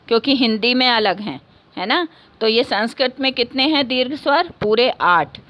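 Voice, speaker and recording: Patient woman teacher, slightly high voice. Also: fairly bright tone. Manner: patient, repeats key points, asks and answers her own questions; ends points with a checking "okay". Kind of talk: classroom lesson.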